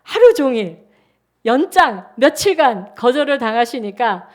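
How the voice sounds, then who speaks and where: Woman pastor, 60s, high bright voice, lively chatty sermon storytelling. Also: unhurried. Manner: animated, chatty storytelling with acted-out quotes. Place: church sanctuary.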